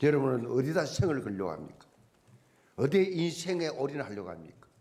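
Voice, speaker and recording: A man's voice: medium pitch, sing-song, fairly quick, gravelly, a little mellow. A male pastor preaching a sermon with emphasis, firing off repeated rhetorical questions at the congregation.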